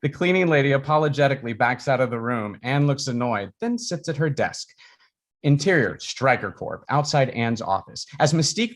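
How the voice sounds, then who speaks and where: A man narrates a screenplay at a live reading. He delivers scene headings and action lines in a middle-pitched voice. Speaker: narrator reading stage directions.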